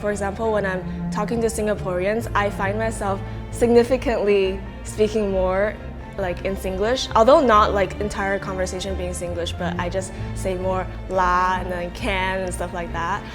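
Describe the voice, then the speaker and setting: A woman's voice: mid-range voice, flat delivery, moderate pace. A young adult woman from Taiwan, a student telling things casually in an interview. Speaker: university student. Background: music.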